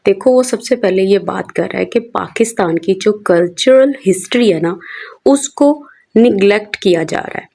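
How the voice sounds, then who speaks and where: A woman who teaches English by walking students through a newspaper editorial. She asks questions and answers them herself, and reads the English phrases slowly. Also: medium pitch, animated, creaky, dark tone, slightly rough.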